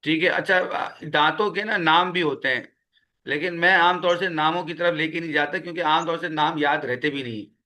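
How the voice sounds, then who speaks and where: A man teaching a Quran recitation lesson, patiently repeating key sounds and words slowly for his students. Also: a little high, pushed and bright. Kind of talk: spoken tajweed lesson.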